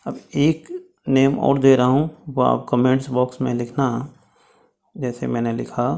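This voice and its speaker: A man's voice: mid-range voice, little pitch movement, vocal fry, darkish tone. A man teaching chemistry in a step-by-step lecture, checking in often with his students. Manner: explains slowly, checks with "ठीक है".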